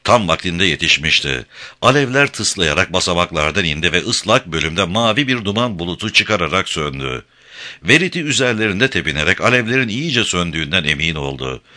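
A man reads an adventure audiobook in a measured, expressive way. His voice sits very low yet sounds sharply bright, and his pitch moves in lively swings. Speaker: audiobook narrator. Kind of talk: dramatic audiobook narration.

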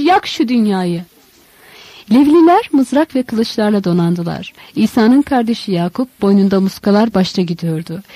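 A woman reads a literary novel aloud in measured, dramatic narration. Her voice is warm and mellow, and the recording is dry and close. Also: medium pitch, no room sound, rough recording. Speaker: audiobook narrator.

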